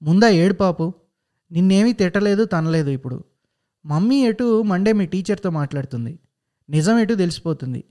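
A man's voice: high-pitched, animated, moderate pace, warm tone. A man voicing a father who sternly lectures his son about lying. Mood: lecturing. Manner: lecturing, reasoning.

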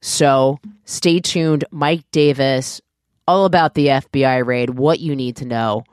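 A woman's voice: extremely low pitch, a little slow, a little mellow, clear, resonant tone, dry recording, clean studio sound. A woman hosting an interview podcast in an informal, conversational way, sounding sick and nasal with a stuffy nose. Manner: informal, direct address to listeners. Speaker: podcast host.

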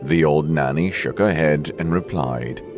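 A man narrating a story in a slow, expressive reading voice. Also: very deep voice, over music.

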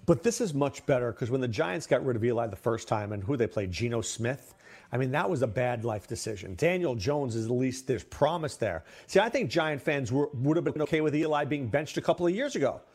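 A man with a mid-range voice hosts a casual fantasy football discussion. He is opinionated and animated, jumping up in pitch on the names and calls he cares about. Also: fairly quick, husky. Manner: opinionated, lively, jumps to higher pitch for emphasis. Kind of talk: casual sports chat.

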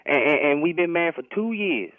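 Give me a man heard over a tinny phone call, firm and quick to cut in. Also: on the high side, lively intonation, no echo. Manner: firm, interrupting, says "man" a lot. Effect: heard over a telephone line. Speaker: prank call target. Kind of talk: phone conversation on a radio show.

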